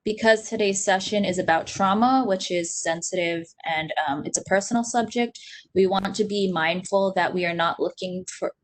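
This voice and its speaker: Speaking at medium pitch and normal speed, the event host, a young woman from Hawaii, kicks off an online panel over a video call. Her tone is earnest and steady, dotted with many ums, and her laptop webcam records her in a small room at home.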